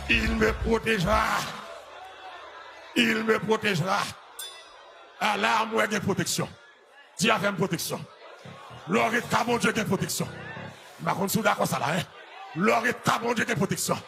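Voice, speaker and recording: A man with a Haitian accent preaching a fiery shouted sermon as pastor, chanting and half-singing repeated refrains to the congregation. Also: sits high, lively intonation, normal speed, vocal fry, long pauses. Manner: repetitive call-and-response lines. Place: church service. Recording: loud church music and crowd noise. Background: live music and congregation.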